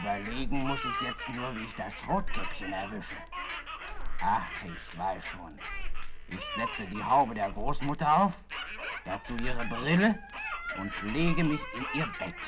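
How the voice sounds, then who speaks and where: A man's voice: mid-range voice, wildly swooping pitch, measured pace. A man voicing the sly, greedy big bad wolf in a children's audio play, gloating and mock-friendly.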